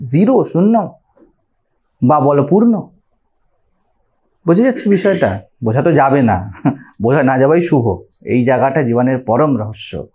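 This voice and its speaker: A man's voice: medium pitch, dark tone. A man with a Bengali accent giving a spiritual lecture on scripture, explaining step by step and often checking with his listeners through rhetorical questions. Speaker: spiritual teacher.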